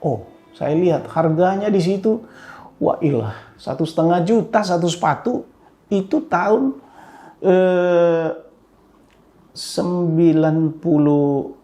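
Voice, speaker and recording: A man's voice: measured pace, soft background music. Older man telling a story. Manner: animated retelling with pitch jumps and chuckles. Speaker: speaker addressing an audience. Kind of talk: storytelling talk.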